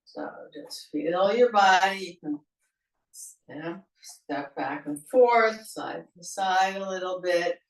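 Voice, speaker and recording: A woman teaching a senior yoga class, giving slow, gentle cues and leading playful laughter exercises. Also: lowish voice. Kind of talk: guided exercise class instruction. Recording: echoey room, mic at a distance.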